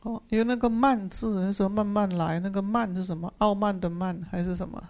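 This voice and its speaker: A Buddhist sutra teacher giving a dharma class, patiently explaining Pali terms, repeating key phrases and filling pauses with drawn-out "ah"s. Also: mid-range voice, steady tone, a little mellow. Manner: patient explaining of Pali terms, asks and answers own questions.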